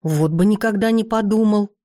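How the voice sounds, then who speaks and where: A woman's voice: mid-range voice, moderate pace, mellow, dry recording, studio quality, close to an everyday voice. A woman voicing a jovial, simple-minded portly older count in an audiobook.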